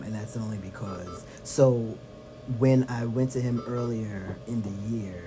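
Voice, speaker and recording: A man talking casually in a personal video diary, in a subdued, tired way that trails off softly. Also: lowish voice, poor audio. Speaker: vlogger. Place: lying on back in a hospital bed. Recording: music behind the voice.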